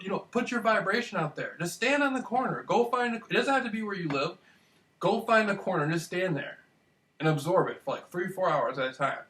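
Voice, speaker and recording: A young man from Michigan telling a rambling, excitable story in a casual monologue, swearing now and then. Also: a little high. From Michigan, USA. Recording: voice distant from the mic.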